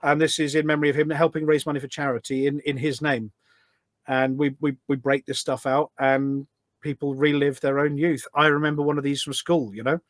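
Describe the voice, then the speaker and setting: This podcast guest, a middle-aged volunteer event organiser, has a voice on the high side with a flat delivery and a fairly quick pace, recorded with no echo. He chats casually and at length in a conversational interview, explaining things by way of anecdotes.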